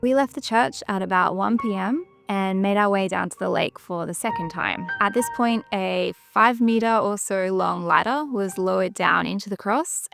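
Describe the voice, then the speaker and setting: Woman narrating a travelogue, slightly creaky voice. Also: medium pitch. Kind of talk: scripted documentary-style narration.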